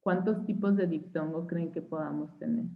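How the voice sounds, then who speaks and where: A woman's voice: sits low, steady tone, moderate pace. A young Mexican woman teaching an online phonetics class, patiently spelling out examples and checking in with her students every few sentences. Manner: checks in with frequent "¿sí?" and "¿va?". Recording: tinny phone-like line.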